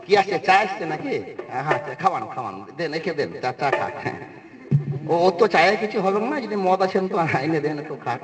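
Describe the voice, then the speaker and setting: A man's voice: on the high side, animated, moderate pace, roomy sound, far from the mic, over a noisy crowd. A man performing a live folk debate show, teasing and preaching as he speaks straight to the audience. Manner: teasing, preachy, addresses listeners directly.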